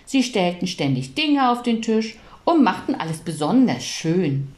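A woman reading a children's storybook aloud in a lively, expressive way. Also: lowish voice, unhurried. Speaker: audiobook reader.

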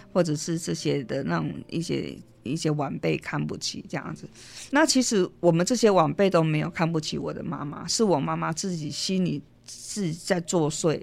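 A middle-aged woman with a Taiwanese accent, an interview guest telling a personal story, lively and acting out the lines she quotes. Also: low-pitched, creaky. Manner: lively storyteller, mixes in Hokkien, acts out quotes.

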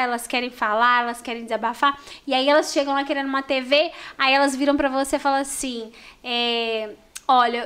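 A woman speaks with a Minas Gerais Brazilian accent in a relaxed podcast conversation. Her voice sits fairly high, and she tells her stories with animated warmth. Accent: Brazilian Portuguese, Minas Gerais. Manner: animated storyteller, warm and expressive. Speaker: store manager guest. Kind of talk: casual podcast chat.

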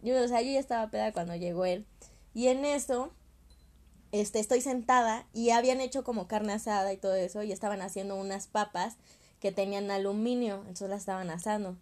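A young woman with a Mexican accent, telling a story in casual chat, animated and slangy, acting out what people said. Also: mid-range voice, fairly quick. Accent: Mexican Spanish. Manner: animated, acts out quoted voices, slangy.

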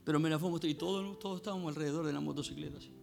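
A male pastor, preaching a sermon in a church with animated storytelling and questions to the congregation. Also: on the high side, very fast, creaky, soft background music. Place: church sanctuary.

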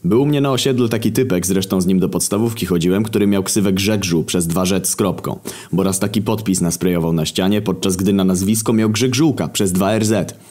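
A man telling a comic story in a casual, deadpan way, full of slang and swearing. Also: low-pitched, a little fast.

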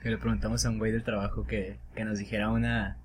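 A man's voice: lowish voice, level tone, fast, slight background noise. Mexican man, podcast co-host, laid-back, crude slang. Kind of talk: casual chat.

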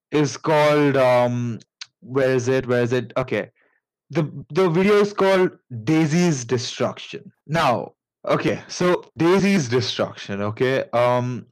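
A man with an Indian accent tells a story on a casual podcast at an unhurried pace. He rambles and halts, restarting his sentences and leaning on fillers. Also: medium pitch, low-quality recording. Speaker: podcast host.

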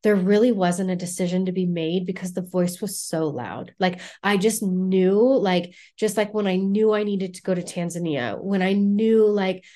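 A woman's voice: mid-range voice, moderate pace, hardly any pauses, warm tone. A woman guest on a casual podcast interview, a coach speaking earnestly and reflectively with many "like" fillers.

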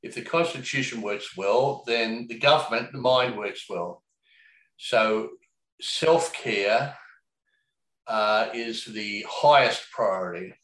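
Rambling through a casual conversation, a man reflects aloud with plenty of fillers and the occasional swear word. His voice is fairly low and a bit bright, and he speaks slowly in an echoey room.

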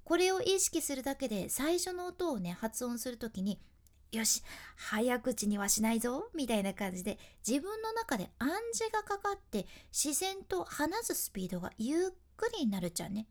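Lady coaching how to talk, kinda high voice, bouncy and animated, chatty. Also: brisk, few pauses. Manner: chatty, explains step by step with spoken examples. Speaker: announcer teaching speaking skills. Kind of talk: casual instructional talk.

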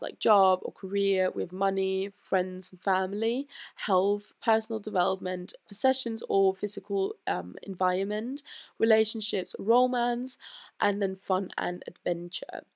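Young woman podcaster, gravelly fry, casual and sweary, unscripted solo talk. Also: mid-range voice. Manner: candid and sweary, with many "um"s and "like"s. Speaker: podcast host.

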